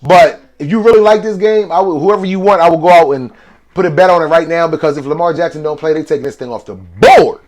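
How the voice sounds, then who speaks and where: A man hosting a casual sports betting picks monologue, excitable and slangy, with sudden exclamations. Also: fairly high pitch, fast talker.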